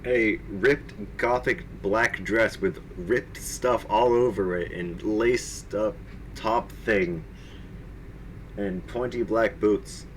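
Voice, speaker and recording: On a live stream, a low-voiced man gives a casual, comedic dramatic reading of fan fiction, tossing in mocking asides, laughing often and swearing. The recording is rough, with a little hiss or hum.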